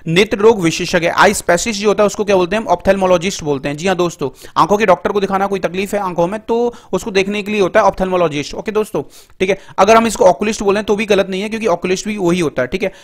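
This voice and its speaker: A middle-aged man teaching English vocabulary through word roots in a Hindi lecture, explaining step by step and reading English definitions out slowly. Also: high-pitched, steady tone. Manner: explains word roots step by step, often says "ठीक है" and "दोस्तों".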